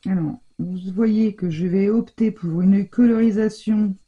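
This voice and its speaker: A woman's voice: mid-range voice, a little slow, mellow, breathy edge, highs cut off. A woman giving a casual scrapbooking tutorial at home, chatty and hesitant, with many fillers and stumbles over English product names. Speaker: scrapbooking crafter demonstrating.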